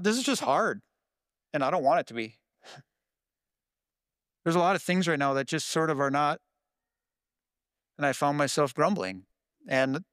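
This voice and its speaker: Earnest male pastor, fairly high voice. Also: smooth, no echo, clean studio sound. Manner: earnest, conversational preaching with sudden excited jumps. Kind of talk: sermon.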